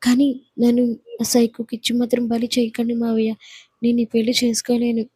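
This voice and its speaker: A woman's voice: on the high side, completely flat delivery, brisk, warm tone, husky, no echo. A woman voicing a desperate, tearful young bride who pleads her case. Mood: pleading.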